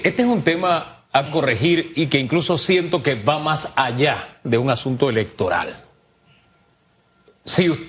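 Man, talk show co-host, animated swooping voice, slightly high, opinionated and emphatic. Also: a little hiss or hum. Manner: opinionated, emphatic, repeats for stress. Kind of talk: news talk show commentary.

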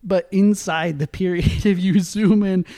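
A man with a high, light voice chats on a podcast at an unhurried pace. He is playful and giggles through his jokes. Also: fairly even intonation, dark tone. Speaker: podcast co-host. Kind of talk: casual chat.

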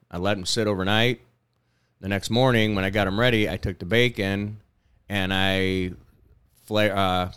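A man's voice: fairly low pitch, fairly bright tone, clear, resonant tone, no room sound. A man co-hosting a podcast in casual, blunt and profane chat. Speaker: podcast co-host.

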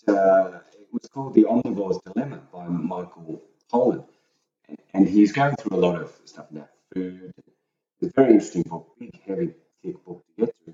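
A man's voice: deep voice, expressive, moderate pace, mellow, far from the mic. A middle-aged man, a podcast guest, talking in a plain, matter-of-fact way. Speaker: guest, host's husband. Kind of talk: casual podcast chat. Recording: dull, echoey, off-mic.

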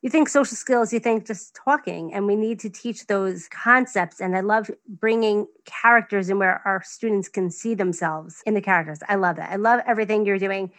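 A woman with a New York accent hosting a podcast interview, effusive and quick to laugh. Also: mid-range voice, a bit bright. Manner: bubbly, effusive, laughs often. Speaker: podcast host. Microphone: video call.

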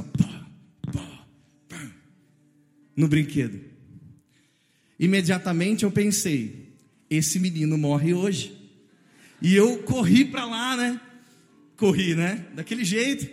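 A man in his thirties with a Brazilian Portuguese accent, telling a funny personal story in an animated way and acting out voices and sound effects. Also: sits high, long reverb tail.

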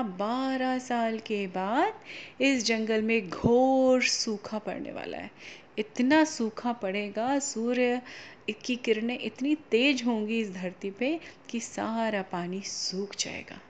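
A woman voicing a lazy, cunning old male heron who speaks calmly and plays pious and helpless, in a storybook tale. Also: a little high, takes it slowly, lo-fi sound, a little hiss or hum. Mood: falsely pious. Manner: calm, falsely pious and helpless.

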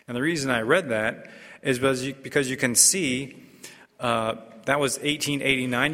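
A man serving as a priest, reading the gospel and preaching a homily in a measured, unhurried way with the odd filler and restart, heard in the long reverb of a large church. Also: medium pitch, bright, forceful tone.

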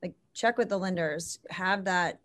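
A woman's voice: on the low side, a little slow, a bit bright. A woman from the Atlanta area co-hosting a live real estate podcast, upbeat and friendly in casual banter.

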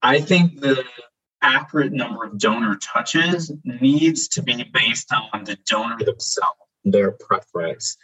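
A man cohosting as a fundraising trainer, explaining step by step in a measured way. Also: medium pitch, bright, forceful tone, husky, poor audio. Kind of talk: explanatory advice talk.

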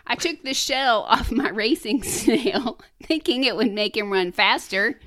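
A woman's voice: a little high, unhurried, fairly bright tone. A woman co-hosting a casual podcast, reading jokes aloud with frequent giggles. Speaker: podcast co-host. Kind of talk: casual joke-reading chat.

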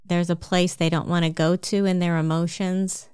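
A woman with a New Jersey accent giving a calm, measured self-help talk, explaining things step by step. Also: lowish voice, smooth, no echo, clean studio sound.

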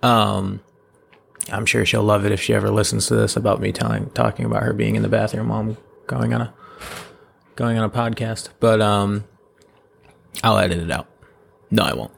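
Casual male podcast host, lowish and gravelly, allergy-hoarse, digressive and self-deprecating in unscripted solo chat. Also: little pitch movement, a little fast. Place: at home, in a room below a bathroom.

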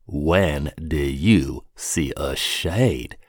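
A man voicing a serious, thoughtful man in a storybook reading, speaking low and slowly in a drawl. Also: no echo, studio quality, heavily acted. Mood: grave.

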